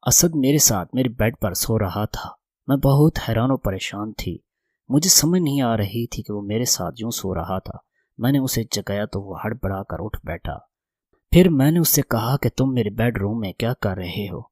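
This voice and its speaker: Low-voiced man reading a story. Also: lively intonation, a little mellow, breathy edge, no echo, clean studio sound. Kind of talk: scripted first-person story narration.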